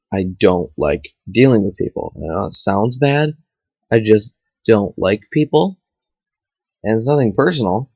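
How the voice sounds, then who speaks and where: A young man rambles in a chatty, casual way, full of fillers and restarts, his voice sitting a bit low. The sound is dull and lo-fi, as if from a built-in webcam mic, with a dry, close feel. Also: no echo. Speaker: vlogger. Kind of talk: casual motivational talk to camera. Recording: dull lo-fi home webcam audio.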